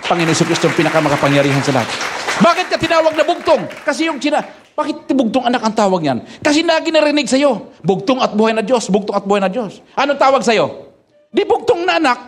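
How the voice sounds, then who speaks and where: Pastor guy with a real high voice preaching hard, lots of rhetorical questions, gets shouty. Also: very animated, quick pace, a little hiss or hum. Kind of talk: sermon.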